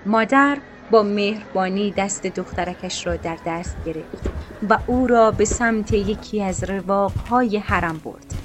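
A woman reads a storybook in a calm, measured voice at a mid pitch. Her delivery is even and literary. Faint music plays underneath. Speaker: narrator. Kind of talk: scripted storybook narration.

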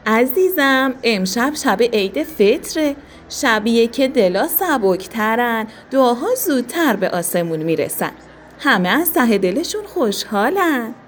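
A woman playing a gentle, patient mother who speaks affectionately and reassuringly to her little daughter in a storybook. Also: a little high, very animated, slight background noise. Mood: tender.

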